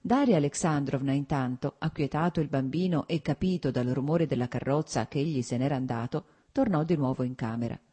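Low husky woman narrating. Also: dark tone. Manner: measured, literary. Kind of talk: scripted narration.

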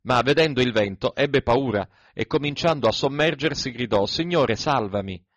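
A man reading scripture aloud in a measured, even recitation. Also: medium pitch, no room sound. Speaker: scripture reader.

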